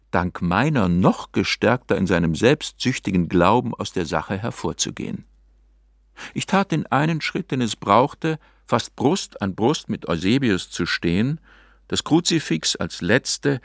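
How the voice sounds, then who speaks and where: A man with a low voice reads an audiobook in a dramatic, theatrical way. His pitch moves with lively swings, and the sound is close and dry. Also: vocal fry, no room sound. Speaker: narrator. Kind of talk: scripted audiobook narration.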